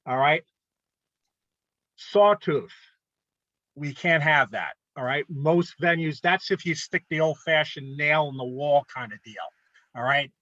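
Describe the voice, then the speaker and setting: A man presenting rules to an art club in a casual instructional talk, often pausing to ask "okay?". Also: a little high, fairly even intonation, pushed and bright, no room sound, lo-fi sound. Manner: conversational, frequent "okay?" check-ins.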